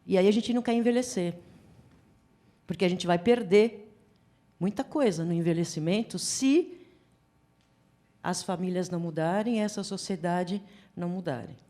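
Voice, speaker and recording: A woman giving a psychology lecture at a forum, chatty and animated, acting out little scenes as she talks. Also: on the low side, normal speed, pauses often. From Brazil. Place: lecture hall.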